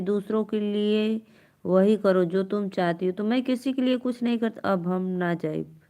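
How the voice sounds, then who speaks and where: A woman's voice: medium pitch, darkish tone, clean tone. A young woman with an Awadhi accent hosting a folk-song live stream, chatting and teasing viewers and laughing often.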